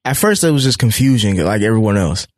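A man's voice: on the low side, quick pace, dry recording, studio quality. A man co-hosting a sports podcast, talking animatedly and often restarting his words as he jumps into the debate. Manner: animated, talks over others, repeats words when starting. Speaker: podcast co-host.

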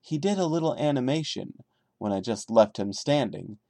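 A man hosting a podcast performs a dramatic reading at a moderate pace, his medium-pitched voice expressive, warm, and a bit creaky, with no room sound. Sarcastic asides full of exasperation keep breaking into the story.

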